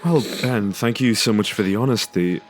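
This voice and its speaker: In a naturalistic audio drama, an actor plays a courteous, inquisitive family man who speaks politely and tentatively, sounding curious and probing. His natural voice sits lowish at a normal speed, with a little hiss or hum in the recording.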